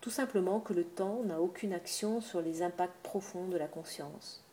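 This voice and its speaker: A woman voicing a reserved, polite man who speaks in a measured, formal way. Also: on the low side, mellow, slight background noise, close to an everyday voice.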